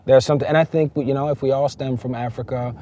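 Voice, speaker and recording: A man's voice: mid-range voice, fairly even intonation, fast talker, mellow, a little hiss or hum. A man, a rapper raised in the Netherlands, talking casually in an interview, emphatic and loose, with many fillers and restarts.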